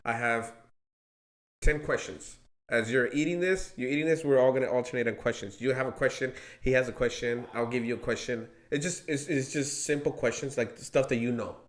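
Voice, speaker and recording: A man's voice: medium pitch, fairly quick, echoey room. A man hosting a casual podcast with friends, laughing often as he runs a spicy chip segment. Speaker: podcast host. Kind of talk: casual chat.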